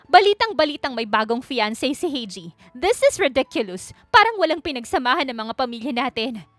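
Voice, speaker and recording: Picture an audiobook scene in which a high-pitched, overwrought wealthy mother frets and scolds, voiced by a woman narrator. She talks dramatically and jumps between Tagalog and English. The voice is dry and close, with faint music underneath. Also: fairly quick, a bit bright, no room sound. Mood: indignant. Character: distraught wealthy middle-aged mother, shrill and fussy.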